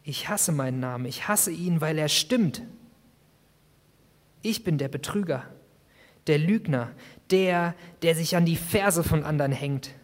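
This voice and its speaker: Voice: medium pitch, unhurried, pauses often. A youth preacher giving a sermon, retelling a story dramatically in the first person. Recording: long hall reverb.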